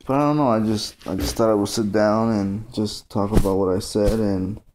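A man talking to his phone camera at home in a rambling, mumbling casual monologue, halting with fillers. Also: fairly low pitch, steady tone, background noise. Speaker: vlogger. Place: at home indoors. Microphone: phone camera close up.

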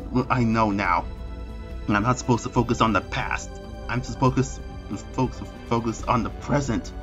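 A man's voice: mid-range voice, fairly even intonation, moderate pace, fairly bright tone, lo-fi sound, soft background music, pitched below the performer's own voice, natural voice. Man as Shadow the Hedgehog, dramatic and defiant. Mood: resolute. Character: defiant brooding cartoon hedgehog antihero, dramatic. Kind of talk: improvised parody fandub.

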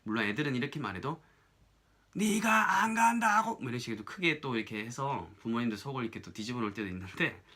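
A man teaching an English lesson in a casual, chatty way, often checking "right?" and saying English lines slowly as examples. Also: mid-range voice, bright, forceful tone.

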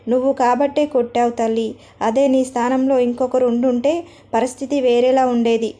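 A woman voicing a humble middle-aged mother who apologizes and comforts gently. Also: fairly high pitch, little pitch movement, a little fast, lightly acted. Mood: pleading.

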